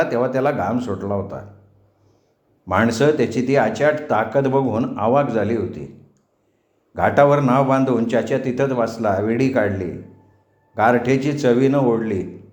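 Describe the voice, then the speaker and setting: A man narrating a novel as an audiobook in a steady, vivid storytelling manner. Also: medium pitch, a little slow. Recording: roomy echo.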